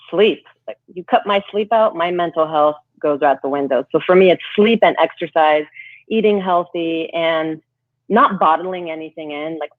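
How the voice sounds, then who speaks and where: A woman's voice: deep voice, no echo. A woman talking as a remote guest on a talk show, earnest and promotional with fillers, her audio glitchy and degraded. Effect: glitchy, degraded call audio. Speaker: guest organizing a wellness event. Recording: tinny phone-line sound.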